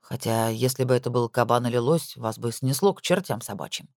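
An audiobook narrator voicing a laid-back, skeptical male police captain who talks things through slowly and dryly. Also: medium pitch, a little mellow, dry recording, pitched below the performer's own voice, lightly acted. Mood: skeptical, weary. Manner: dry, laid-back, slow and reasoning. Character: weary skeptical police captain, man, unhurried.

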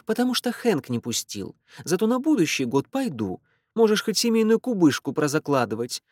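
A man reading aloud voices a stubborn, bratty teenage girl who talks fast and defiantly. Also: high-pitched, big pitch swings, a little mellow, no echo, studio quality, pitched above the performer's own voice. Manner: insistent, quick, defiant.

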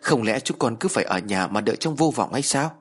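A man's voice: medium pitch, animated, brisk, husky. A man voicing an anxious young woman who stammers and pleads.

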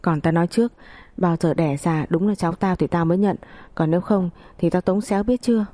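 A woman voicing a stern, quiet older father-in-law who barks gruff orders in an audio story. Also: fairly low pitch, fairly quick, no room sound, natural voice. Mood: angry. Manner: gruff, commanding.

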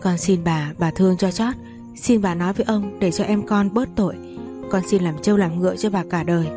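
A woman's voice: on the low side, a little fast, music in the background, lightly acted. A woman reading a desperate young servant girl. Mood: pleading. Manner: pleading, tearful.

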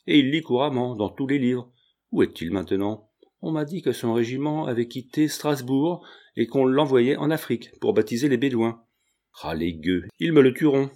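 A man's voice: mid-range voice, darkish tone. A man reading an audiobook, voicing a fretful, talkative old peasant mother who laments and exclaims.

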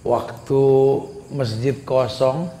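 A man's voice: mid-range voice, extremely slow, dark tone. A man preaching a conversational, humorous sermon, reciting verses and mimicking voices to make his points. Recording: echoey room with faint background noise.

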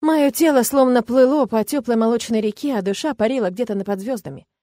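Expressive woman reading a romance fantasy. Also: fairly high pitch, a little fast, no room sound. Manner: expressive, lively storytelling. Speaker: audiobook reader. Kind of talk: first-person romance fantasy narration. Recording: dry close recording.

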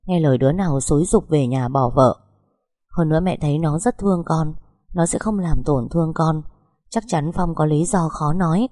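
Lady doing a stern middle-aged mother-in-law, blunt and scolding, low husky voice. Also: warm tone, no room sound, clean studio sound. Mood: reassuring.

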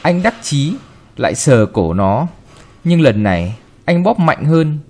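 A man reading a short story aloud with expressive, varied delivery. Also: fairly high pitch, takes it slowly. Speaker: narrator.

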